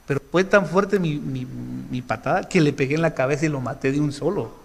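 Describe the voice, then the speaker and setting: A man giving an informal sermon to a congregation, telling personal stories with halting restarts. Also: on the high side. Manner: conversational, halting restarts, laughs at his own story. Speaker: preacher.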